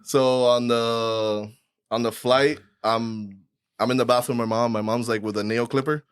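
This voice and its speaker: A man from Cuba in his thirties, talking as a podcast guest. He rambles through his story in a loose, relaxed way, full of fillers and restarts. His voice sits at an ordinary middle pitch and the studio sound is dry and close. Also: moderate pace, smooth, dry recording. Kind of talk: casual storytelling.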